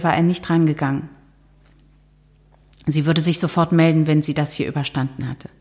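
A middle-aged woman, an author and TV journalist, reading from her novel and then chatting in an interview with measured humor. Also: sits low, darkish tone. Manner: measured, lightly humorous, some hesitations.

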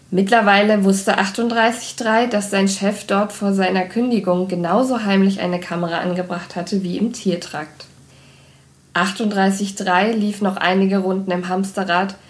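A woman reading a children's book aloud in an expressive way. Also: medium pitch. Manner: expressive, does character voices. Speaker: reader.

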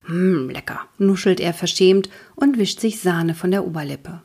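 A woman narrates a storybook in the first person with a lively, expressive reading. Her voice is husky and has a noticeable gravelly fry. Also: on the low side, moderate pace. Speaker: audiobook narrator.

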